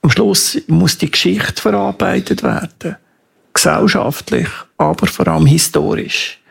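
Male campaigner interviewee, Swiss German accent, creaky rasp, slightly high voice, earnest and emphatic. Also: a little slow, a bit bright. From Switzerland.

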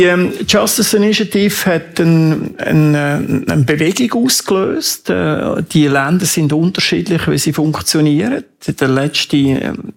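A man's voice: on the high side, vocal fry, husky. A man with a Swiss German accent giving earnest, emphatic interview answers as a campaigner, often ending on tag questions. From Switzerland.

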